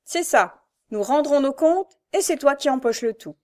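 A woman's voice: a little high, moderate pace, a little mellow, close to an everyday voice. A woman voicing a meek, frail knife-grinder who pleads with his brutal brother, in a storybook reading. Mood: bitter. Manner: pleading, timid.

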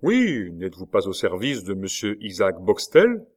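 A fussy, frail older official exclaims and lectures with self-important pomp, as a man reads him in a storybook. The voice sits low and carries a proud, prim edge. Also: huge pitch swings, moderate pace, a little mellow, full character voice. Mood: curious. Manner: pompous, exclaiming.

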